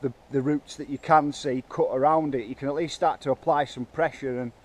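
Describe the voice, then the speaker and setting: A man's voice: medium pitch, fairly even intonation, brisk. Chatty man working outdoors. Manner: chatty, hesitant, self-talk while working. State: out of breath. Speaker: bike park builder. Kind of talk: casual vlog narration. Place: outdoors in woods.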